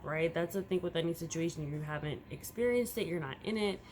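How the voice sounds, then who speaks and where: A woman's voice: lowish voice, a little fast, slight background noise. A young woman, a first-time mother, talking candidly and a bit rambling in a casual vlog at home. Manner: candid, rambling, swings between hushed and loud. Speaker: vlogger, first-time mom.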